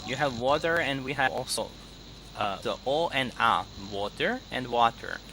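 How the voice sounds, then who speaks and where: A man's voice: mid-range voice, lively intonation, moderate pace, pushed and bright, a little hiss or hum, poor audio. A man teaching an online English speaking lesson, patiently correcting and repeating words for his student. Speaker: English tutor. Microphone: video call.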